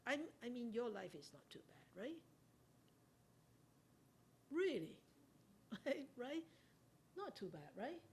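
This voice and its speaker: A Buddhist nun giving an interactive Dharma talk to a study class, unhurried, questioning her listeners and laughing often. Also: fairly high pitch, sing-song, slight background noise.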